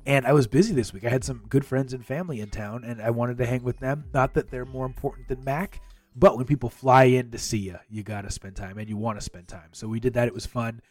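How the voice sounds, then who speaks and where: A man's voice: medium pitch, steady tone, fast talker, a little mellow, dry recording. A man hosting a video game podcast in an upbeat, emphatic and playful announcer style. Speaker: podcast host.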